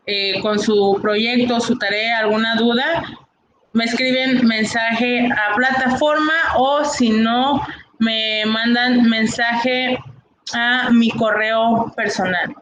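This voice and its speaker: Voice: medium pitch, fairly bright tone. A teacher with a Mexican accent, giving a recorded online class lecture in an explanatory way, often saying "bien" and asking rhetorical questions. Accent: Mexican Spanish. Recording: echoey room, faint background noise.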